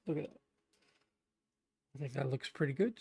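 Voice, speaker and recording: A man's voice: mid-range voice, lively intonation, normal speed, gravelly, dark tone, breathy edge, no echo. A young man chatting casually while building on a live stream, stumbling as he reads the manual aloud. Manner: chatty, self-deprecating, stumbles over reading. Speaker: livestreamer building a Lego set.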